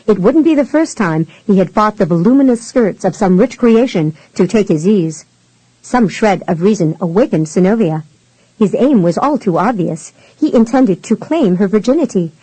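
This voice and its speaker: Woman narrator for a romance audiobook: mellow, measured, close and dry. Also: mid-range voice, no echo, poor audio.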